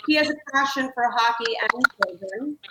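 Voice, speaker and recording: A woman's voice: on the high side, normal speed. A woman introducing a guest in a casual interview, talking eagerly. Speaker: foundation co-founder. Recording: echoey room with background noise.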